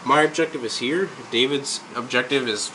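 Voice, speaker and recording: A man's voice: medium pitch, normal speed, noisy background. A man with a broken, froggy voice casually explaining tabletop game rules as host. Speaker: host of tabletop battle report.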